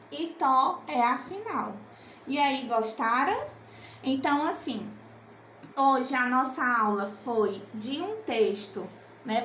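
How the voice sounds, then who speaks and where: Lady teacher, high voice, slow and coaxing, echoey room. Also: a bit bright, slight background noise. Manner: slow, coaxing, asks and answers her own questions. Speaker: primary school teacher. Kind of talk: remote literacy lesson.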